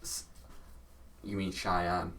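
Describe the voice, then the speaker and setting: A man co-hosting a casual podcast chat, excitable and quick to break into silly voice impressions. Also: sits low, distant mic, slight background noise. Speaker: podcast co-host.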